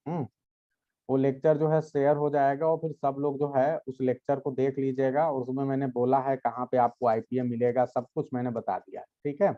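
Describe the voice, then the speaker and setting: This man explains English grammar to his class in a patient lecture, often checking that his students follow and speaking to them directly. His voice sits in the mid-range with a level tone and a moderate pace, and the recording has its highs cut off.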